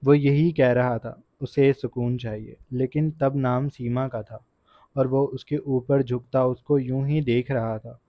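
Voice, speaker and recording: A man narrates a romance novel in an earnest, steady storytelling manner. His voice sits at a middle pitch. The recording is dull and dry, with no room sound. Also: no room sound. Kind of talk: audiobook narration.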